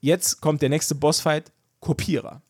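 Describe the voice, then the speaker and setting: Young male podcast co-host, casual and animated, plays out every line of dialogue; a touch high-pitched. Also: unhurried, husky, no room sound, studio quality. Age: young adult. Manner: animated storyteller acting out dialogue. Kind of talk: casual chat.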